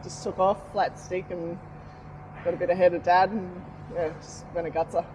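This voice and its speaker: A woman in her forties with an Australian accent, chatting casually about riding, slangy and quick to laugh. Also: fairly low pitch, little pitch movement, mellow, a little hiss or hum, low-quality recording. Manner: laid-back, slangy, laughs often. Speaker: podcast guest, motorcycle rider. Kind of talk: casual chat.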